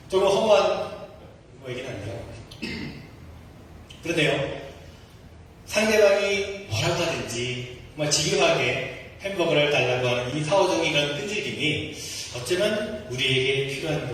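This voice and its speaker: A man's voice: fairly high pitch, fairly bright tone, slight background noise. A male pastor delivering a sermon in a church sanctuary, earnest and asking the congregation rhetorical questions. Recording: echoey hall from far off.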